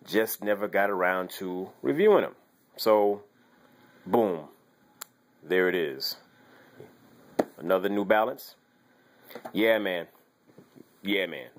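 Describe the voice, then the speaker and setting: A man's voice: deep voice, takes it slowly, long pauses. A man giving a casual, chatty shoe review at home, talking loosely with slangy asides. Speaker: sneaker vlogger. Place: home bedroom, laundry running.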